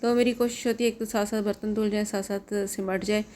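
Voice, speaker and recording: A middle-aged woman from Pakistan with a Pakistani Urdu accent, chatting through a home vlog voice-over, repeating herself and pausing often with fillers. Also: medium pitch, flat delivery, warm tone, slight background noise. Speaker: vlogger.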